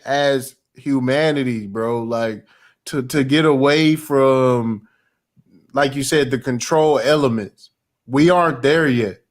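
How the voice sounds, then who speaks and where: A man hosting a podcast, chatting casually about crypto in a halting, stammering, slangy way. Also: medium pitch. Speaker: podcast host.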